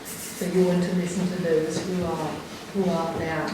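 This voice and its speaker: At a literature house event hall, a woman moderating a literary event asks long, winding questions full of hesitations. Her lowish voice is flat and unhurried, picked up from far off in an echoey, noisy hall.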